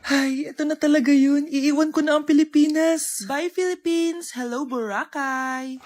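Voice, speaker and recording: Comedy skit actor: woman, high voice, shifts from loud to soft. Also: fairly even intonation, moderate pace, soft background music.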